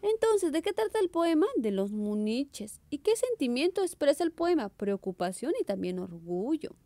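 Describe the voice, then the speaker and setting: A woman's voice: high-pitched, normal speed, no echo. A young woman teaching an online class, asking questions and answering them herself. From Peru. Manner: lively questioning, answers her own questions. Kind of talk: virtual class lesson.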